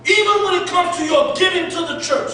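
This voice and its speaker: A pastor preaching a fervent sermon, repeating his phrases and rising to shouts. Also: very high-pitched, fairly even intonation, a little fast, far from the mic. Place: church sanctuary. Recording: very echoey church, voice from afar, faint noise.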